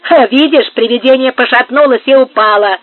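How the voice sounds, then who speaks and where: A reader voicing a coarse, fearless male soldier who talks loudly and mockingly in an audiobook. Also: mid-range voice, moderate pace, dry recording, lightly acted. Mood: scornful. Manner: loud, blustering, mocking. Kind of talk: audiobook character voice. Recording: tinny phone-like sound.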